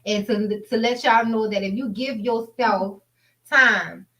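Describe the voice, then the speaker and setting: Distant, higher-pitched American woman encouraging listeners. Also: slow pace, pushed and bright. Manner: colloquial, encouraging, frequent "you know". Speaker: co-host of a talk show. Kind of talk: casual motivational chat.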